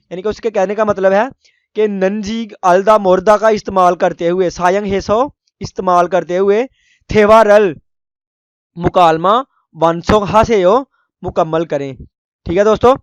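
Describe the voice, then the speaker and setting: High-voiced man teaching a language lesson. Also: clean tone, dry recording. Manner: slow, repeated pronunciation of foreign words; frequent checking-in tag phrases. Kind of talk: explaining a lesson.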